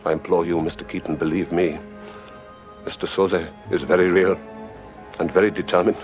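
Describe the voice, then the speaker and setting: A man's voice: low voice, moderate pace, faint music behind, natural voice. A man playing a coldly polite sinister fixer. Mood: coolly menacing. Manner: calm, formal, coldly polite. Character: cryptic menacing middle-aged male lawyer-fixer. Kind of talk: feature film dialogue.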